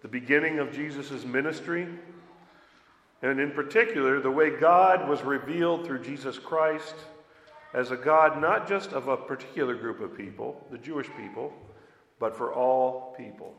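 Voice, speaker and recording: A man's voice: mid-range voice, moderate pace, a bit bright. A man preaching a sermon as pastor, talking with the congregation and asking them questions. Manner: conversational, asks the congregation questions. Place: church sanctuary. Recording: roomy hall echo.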